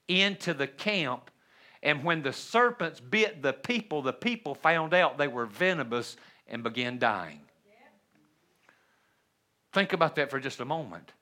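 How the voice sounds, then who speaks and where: A middle-aged man preaching a sermon in a church, folksy and humorous, swinging between loud bursts and hushed asides. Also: mid-range voice. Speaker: pastor. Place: church sanctuary.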